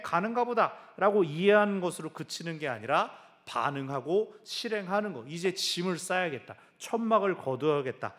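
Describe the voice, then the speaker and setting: A male pastor preaching a sermon in a church, telling stories lively and mimicking sounds with his mouth. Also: high-pitched. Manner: animated storytelling with sound effects.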